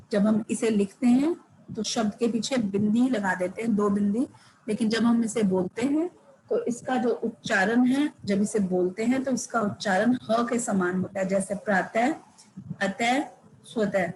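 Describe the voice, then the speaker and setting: A woman school teacher giving a Hindi grammar lesson, explaining each rule twice and drawing out the example words slowly. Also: medium pitch, darkish tone, slight background noise, poor audio.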